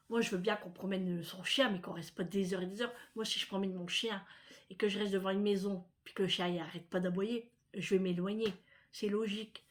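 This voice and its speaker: A middle-aged woman from France chatting casually to her viewers, rambling with many fillers and little asides. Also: medium pitch. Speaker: vlogger. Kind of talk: casual chat to camera.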